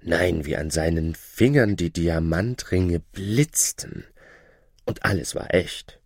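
A man reading a fairy tale aloud in an expressive storytelling voice. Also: deep voice, slow pace, no echo, clean studio sound. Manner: expressive, animated narration.

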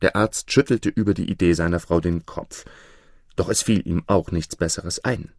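Deep voiced guy reading a fairy tale, calm and steady, dry close sound. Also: dry recording. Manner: calm, measured storytelling. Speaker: narrator. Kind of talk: storybook reading.

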